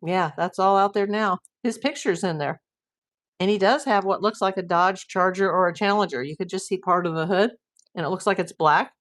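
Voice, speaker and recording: A middle-aged woman with a mid-range voice and moderate pace hosts a casual livestream, chatting and reading viewer comments as she loses her voice.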